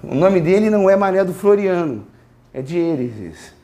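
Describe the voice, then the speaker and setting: Male language teacher from Brazil, high voice, classroom lecture, drills pronunciation by repetition. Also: sing-song, warm tone. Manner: explains slowly, repeats words, asks students to repeat. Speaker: Spanish teacher.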